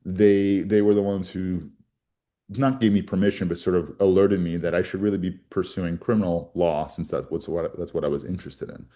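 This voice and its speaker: Deep, mellow, and steady, his voice moves at normal speed as he shares his story in an interview. The man is in his forties, grew up in Colombia, works in criminal defense, and speaks earnestly and reflectively, restarting often.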